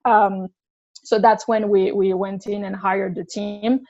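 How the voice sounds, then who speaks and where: A woman's voice: medium pitch, little pitch movement, slow, warm tone. A woman in her thirties with a French accent, chatting as a guest in a casual interview. She talks candidly, thinking aloud and restarting her sentences as she goes, with a mid-range voice. The audio is slightly dull and lo-fi.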